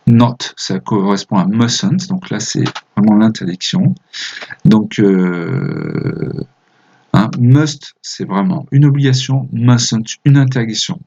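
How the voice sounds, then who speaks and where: A man teaching an English lesson to pupils, explaining each point patiently with frequent fillers and reading example sentences slowly. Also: mid-range voice, a little mellow, breathy edge, lo-fi sound. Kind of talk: recorded remote lesson.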